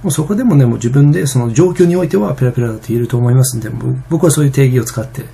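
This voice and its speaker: Fast, gravelly, husky-voiced man. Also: mid-range voice, mellow. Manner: rambling, many fillers and restarts. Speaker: vlogger. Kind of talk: casual vlog monologue.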